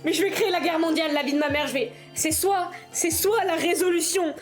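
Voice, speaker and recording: A young woman giving jokey, excitable let's-play commentary, often yelling in mock panic. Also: very high-pitched, brisk, faint music behind. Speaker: gaming content creator.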